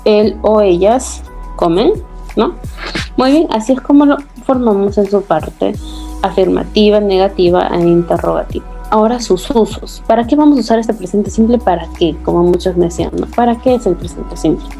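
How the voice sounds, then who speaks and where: A woman English teacher with a Peruvian Spanish accent, giving a recorded lesson. She repeats key words, often asks "¿no?", and slows right down to model the English phrases. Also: mid-range voice, dark tone, faint music behind.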